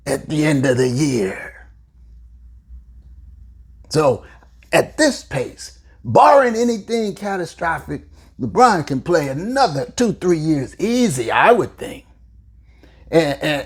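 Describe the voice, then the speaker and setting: A basketball podcast host delivering solo commentary in a slightly husky, breathy voice. The pitch swings widely while the pace stays slow and unhurried. Key words get stretched out for emphasis, aimed straight at the listeners.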